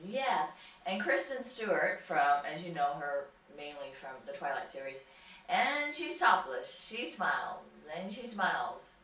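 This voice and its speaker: A woman with a low voice that swings lively up and down, tossing in dry, wry asides as co-host. She is heard from a distance in an echoey room. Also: moderate pace. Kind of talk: casual chat.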